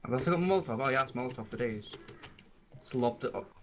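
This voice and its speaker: A man's voice: medium pitch, expressive, fast talker, a bit bright. A man with a Scottish accent chatting casually while gaming, with slangy, matey street banter. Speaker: gamer. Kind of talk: casual chat over multiplayer game. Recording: clear keyboard clicking noise. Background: keyboard and clicking.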